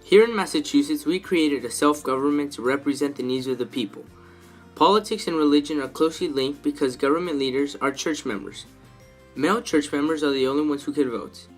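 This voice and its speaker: A man reading a scripted infomercial-style sales pitch as its presenter. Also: a little fast, soft background music.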